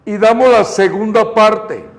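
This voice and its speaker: A male English teacher with a Mexican Spanish accent, coaching students through repetition drills in a live online class. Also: high voice. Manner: stretches English model phrases slowly.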